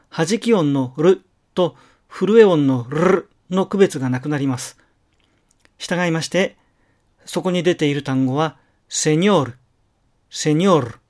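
Man, middle-aged, language lecture, slow and methodical, slightly high voice. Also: a little mellow. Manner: slow, methodical, with careful demonstration pronunciations. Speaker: language teacher.

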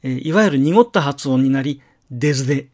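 A middle-aged man giving a slow, methodical language lecture, with careful demonstration pronunciations. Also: mid-range voice, animated, a little mellow. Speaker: language teacher.

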